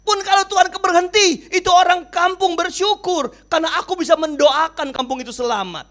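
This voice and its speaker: Stubborn devout old villager, shouting and drawn-out, as a preacher voices him in a sermon story. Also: male voice, very high voice, pitched above the performer's own voice. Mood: complaining. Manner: shouting insistently, slow and emphatic.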